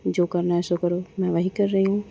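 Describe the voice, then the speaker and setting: A woman's voice: fairly low pitch, little pitch movement, fairly quick, vocal fry, warm tone, slightly rough. A woman voicing a teasing, stubborn young woman who insists on getting her way, in a story. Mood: insistent. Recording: dull lo-fi with faint noise.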